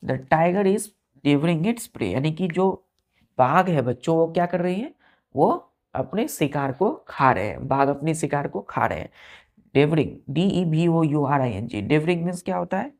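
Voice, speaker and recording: A woman's voice: low-pitched, expressive, unhurried, a little mellow. A woman teaching a vocabulary lesson. She spells words out letter by letter and keeps checking that her students are following. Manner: spells words letter by letter, asks "clear?" often.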